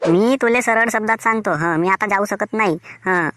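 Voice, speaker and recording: A woman's voice: medium pitch, normal speed, fairly bright tone, dry recording, lightly acted. A woman voicing a lazy, stubborn village husband in a Varhadi Marathi accent, talking in a grumbling, dismissive way. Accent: Vidarbha Marathi (Varhadi). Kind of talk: cartoon voice acting.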